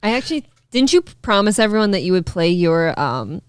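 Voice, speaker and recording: Smooth-voiced woman, blunt teasing co-host. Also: mid-range voice, sing-song, fairly quick, dry recording, clean studio sound. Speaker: talk show co-host. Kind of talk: casual chat, teasing banter.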